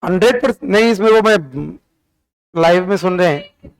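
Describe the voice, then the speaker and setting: In a classroom, a high, clear-voiced man tells a history lesson while joking and chatting with the pupils. He is expressive and speaks at a moderate pace, and the recording is rough.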